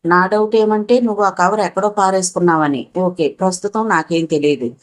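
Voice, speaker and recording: A woman's voice: lowish voice, a little fast, lightly acted. A woman voicing a playful young man in a spoken story, teasing and coaxing.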